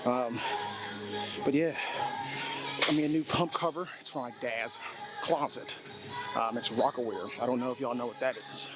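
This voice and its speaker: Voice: mid-range voice, steady tone, moderate pace, long pauses, poor audio. A person in their twenties chatting casually in a workout vlog, with slangy talk and swearing. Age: 20s. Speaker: gym vlogger. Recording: music playing behind. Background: music.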